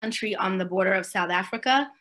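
A woman's voice: mid-range voice, fast talker, a bit bright. A woman in her forties from Swaziland giving a conversational keynote talk over a video call from home, with easy fillers and check-ins with her audience. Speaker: keynote speaker. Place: home room, indoors.

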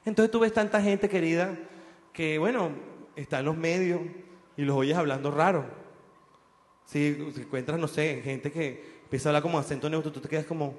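A man with a Venezuelan accent doing a crude, mocking stand-up comedy routine, telling animated stories. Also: on the high side, moderate pace, in a large hall.

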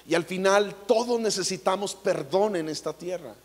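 A man with a Mexican accent giving a comic inspirational talk to an audience, an animated, jokey storyteller who acts out voices. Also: sits high, moderate pace. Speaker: motivational speaker. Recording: echoey large hall.

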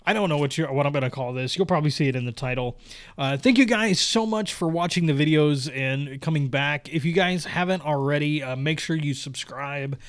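A man's voice: on the high side, brisk, smooth. A young man in casual solo commentary, reading viewer comments aloud and answering them in a rambling way with many fillers and restarts.

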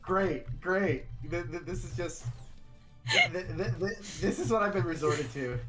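Lively, stammering female streamer with music behind. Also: on the low side, measured pace, poor audio. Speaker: streamer guest. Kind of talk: casual gaming stream chat.

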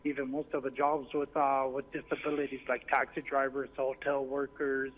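A narrow, tinny phone line carries a man. He calls in with informal, earnest commentary, keeping his intonation fairly flat at a medium pitch. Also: moderate pace. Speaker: phone-in caller. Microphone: telephone.

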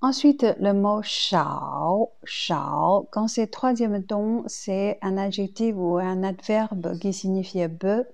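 A woman with a Chinese accent, a native Chinese speaker, teaching a language lesson slowly and deliberately, repeating each example twice. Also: medium pitch, a little mellow.

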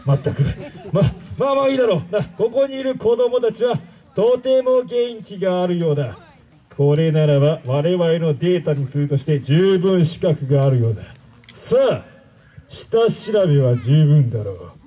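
An actor playing a pompous male android villain, speaking grandly to a live show crowd and shouting his calls. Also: fairly high pitch, animated, normal speed, low-quality recording. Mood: commanding. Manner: grandiose commanding speech, loud shouted calls. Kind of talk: live character-show acting.

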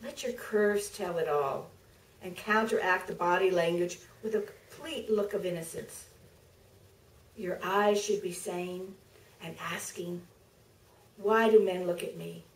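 On a theater stage, a middle-aged woman author reads from her book at a podium in a measured, deliberate way, pausing for effect. Her voice is fairly low, and the podium mic is heard through a camera in the audience, so the roomy theater sound comes from afar.

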